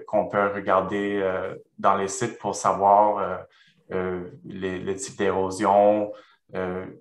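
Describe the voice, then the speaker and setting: A man with a foreign accent, a non-native French speaker, presenting research and answering questions haltingly as he searches for words. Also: on the low side, fairly bright tone. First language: not French. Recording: roomy, echoing sound.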